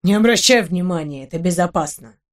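A woman voicing a blunt young male wizard companion in a spoken storybook, talking low and brusquely. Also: animated, brisk, close to an everyday voice. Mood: calm explaining.

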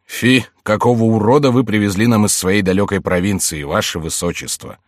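A man's voice: fairly low pitch, steady tone, a little fast, dry recording, clean studio sound, close to an everyday voice. A man voicing a bold, mocking young nobleman in a read-aloud classic novel. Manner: mocking, daring.

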